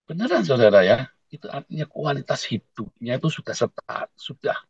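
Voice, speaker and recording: A man preaching a sermon in an emphatic, conversational way, with big swings between loud high stresses and soft trailing ends, who often acts out quoted dialogue in a softer voice. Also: slightly rough, dry recording, lo-fi sound. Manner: emphatic, wide swings in pitch and loudness, repeatedly addresses listeners as "saudara". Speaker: pastor.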